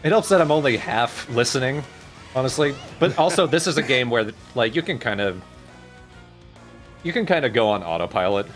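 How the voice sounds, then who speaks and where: A man's voice: mid-range voice, lively intonation, normal speed, a bit bright, soft background music. A man giving casual, offhand gameplay commentary with a dry manner as he streams. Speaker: let's player streaming a game. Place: voice over gameplay with game music behind.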